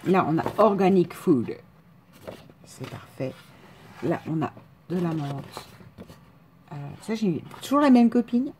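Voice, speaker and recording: A woman's voice: mid-range voice, warm tone, slight background noise. A woman unpacking craft gifts in a casual vlog, chatting and rambling, often correcting herself and laughing. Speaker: crafter showing a mail swap. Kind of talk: casual show-and-tell vlog.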